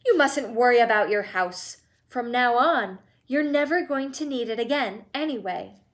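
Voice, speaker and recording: A woman voicing an excitable, eccentric male candy-maker in a storybook reading, brisk and theatrical. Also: fairly high pitch, lightly acted.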